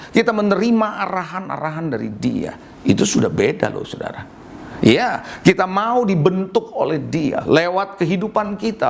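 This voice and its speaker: Animated, gravelly-voiced man preaching a sermon. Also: high-pitched, a little hiss or hum. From Indonesia. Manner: lively preaching with audience call-outs and acted quotes. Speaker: pastor.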